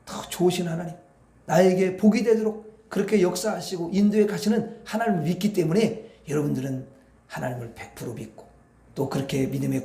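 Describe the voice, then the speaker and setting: A man's voice: on the high side, gravelly, warm tone, echoey room, slight background noise. A man preaching a Friday night prayer sermon, asking the congregation questions as he goes. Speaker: pastor. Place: church hall.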